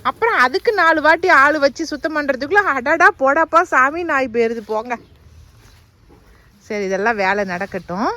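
A woman's voice: high-pitched, lively intonation, moderate pace, bright, forceful tone. Chatty woman touring her farm. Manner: chatty, addresses viewers directly. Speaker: village vlogger. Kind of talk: casual farm vlog narration. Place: outdoors on a farm.

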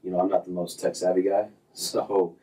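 Low-voiced man in easy, rambling chat. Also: normal speed, far from the mic, low-quality recording. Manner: relaxed, rambling, many fillers and restarts. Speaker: golf instructor, guest. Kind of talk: casual interview chat. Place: small office with framed diplomas.

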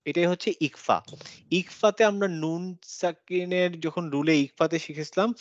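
A man with a somewhat high voice teaches recitation rules over a video call, patient and methodical, drawing out the examples with a nasal hum. The call audio is dry and a little dull. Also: dry recording. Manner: patient, explains step by step, chants examples slowly with nasal hum. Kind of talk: online class teaching tajweed rules.

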